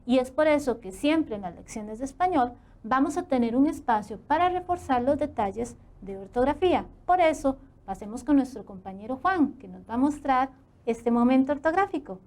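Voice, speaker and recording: A Costa Rican woman teaching a Spanish lesson for television. Her voice sits fairly high, and she keeps drawing her young viewers in with questions to the class. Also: animated, moderate pace. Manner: asks students rhetorical questions, warm classroom tone.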